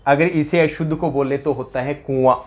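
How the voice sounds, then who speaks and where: A man's voice: fairly high pitch, fairly even intonation, moderate pace, a little mellow. A male teacher giving a pronunciation lesson, drilling students with repeated questions. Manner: drills with repeated questions, mimics rural dialect speakers for laughs.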